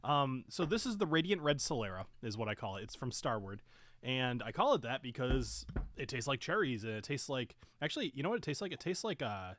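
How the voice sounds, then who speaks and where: Very animated and fairly quick, this man speaks with a medium pitch and fairly bright tone over slight background noise. He's running a casual whiskey-tasting livestream, rambling with fillers and self-corrections while chewing and sipping, sometimes talking with food in his mouth.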